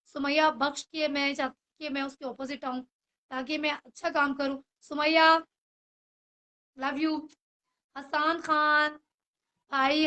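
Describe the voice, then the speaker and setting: A woman's voice: high-pitched, bright, forceful tone. A young woman, an actress, talking straight to the camera in a rambling, apologetic way, with headphones on and English phrases mixed in. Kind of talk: emotional personal address to camera.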